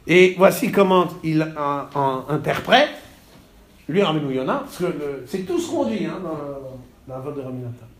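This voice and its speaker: Male teacher in class, fairly high voice, halting delivery with lively stresses, roomy echo. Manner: halting, repeats words, animated stresses. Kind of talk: classroom text study.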